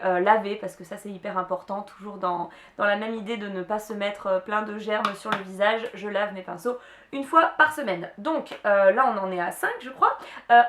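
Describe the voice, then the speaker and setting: A woman's voice: medium pitch, fairly bright tone. Chatty woman vlogging in an echoey room. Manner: chatty, many hesitations and restarts. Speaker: beauty vlogger. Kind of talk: casual product chat to camera.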